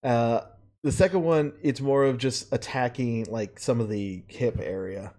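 A man running a tabletop game as game master over an online voice call, casual and quick to swear. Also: medium pitch, dark tone. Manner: casual, swears freely, quick bursts of narration.

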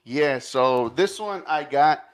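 A man's voice: on the high side, expressive, slow. Rambling male sports podcast co-host. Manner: rambling, hedging, loose casual talk. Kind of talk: casual sports podcast chat.

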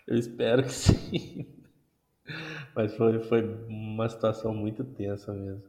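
A man from Brazil hosting a podcast, relaxed and casual, laughing now and then as he talks. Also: fairly low pitch, takes it slowly, pauses often. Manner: relaxed, laughs while talking. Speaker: podcast host. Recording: dull, echoey room sound.

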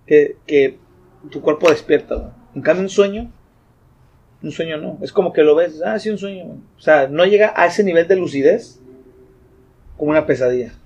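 A young man with a Mexican accent, chatting casually in a slangy, animated way and laughing often. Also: on the high side, normal speed, muffled recording. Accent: Mexican Spanish. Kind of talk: casual chat.

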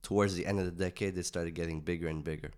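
A man co-hosting a casual music podcast, sick this week and raspy. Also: low-pitched, steady tone, fast, darkish tone. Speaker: podcast co-host. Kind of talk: casual chat.

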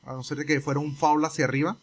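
A man's voice: a little high, fast. A young Mexican man telling a long story in a casual chat, rambling and acting out the voices of the people in it. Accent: Mexican Spanish. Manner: relaxed, rambling, acts out quoted exchanges.

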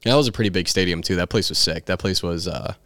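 A young man with a very low voice tells his baseball story in a loose, profane, animated way. The sound is dry and close, with no room around it. He jumps into the other people's voices as he goes. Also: fast talker, dry recording. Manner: animated, swears freely, acts out quoted voices. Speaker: guest, baseball player. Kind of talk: casual storytelling chat.

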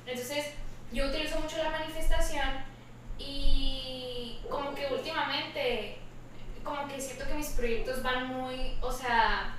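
A woman's voice: high voice, fairly even intonation, unhurried. A young woman rambling hesitantly in casual chat, with lots of filler words. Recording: echoey room, far from mic, with noise.

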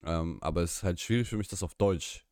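Deep, brisk and smooth with a darkish tone, this voice comes from a young native Russian speaker co-hosting a podcast. He chats casually on a live stream from a small room, rambling, opinionated and restarting himself often, and the clean studio sound has no room sound.

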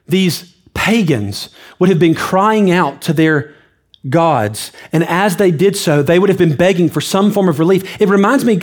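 High-voiced man preaching an earnest sermon. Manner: earnest, reads scripture aloud then explains it; swings between hushed low phrases and raised emphatic stretches. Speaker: pastor. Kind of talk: expository sermon.

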